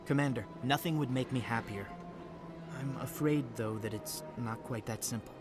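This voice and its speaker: Game role: male diplomatic official played by a man, medium pitch, polite and bureaucratic, strong music bed. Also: normal speed, close to an everyday voice. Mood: apologetic. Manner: deferential, bureaucratic. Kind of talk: video game acting.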